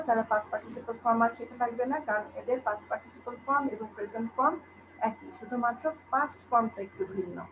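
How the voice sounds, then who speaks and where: A Bangladeshi woman teacher in an online class, slowly reciting English verb forms one by one and patiently explaining them to her pupils. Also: a little high. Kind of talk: recorded online class lesson. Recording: dull lo-fi recording with faint noise.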